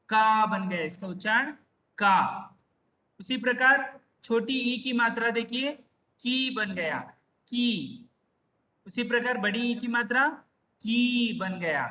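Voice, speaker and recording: A man's voice: extremely high pitch, bright, forceful tone. A man teaching an online class in a patient, repetitive way, drawing out syllables and checking in often. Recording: voice far from the mic.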